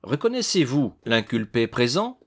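A man's voice: mid-range voice, very animated, measured pace. A man voicing a stern interrogating judge. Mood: severe. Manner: raised, severe, insistent questioning.

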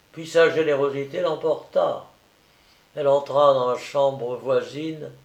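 A man narrating a novel in a measured, deliberate storytelling manner. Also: medium pitch, reverberant. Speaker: audiobook narrator.

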